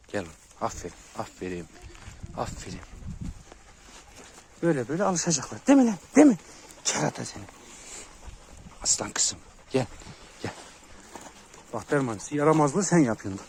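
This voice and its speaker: Man, outdoor vlog, lively up-and-down voice, calls and scolds puppies, faint outdoor noise. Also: mid-range voice. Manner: talks to viewers, then calls and scolds dogs loudly. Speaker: kangal dog owner filming his puppies. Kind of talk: casual outdoor vlog narration. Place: outdoors in a rural yard.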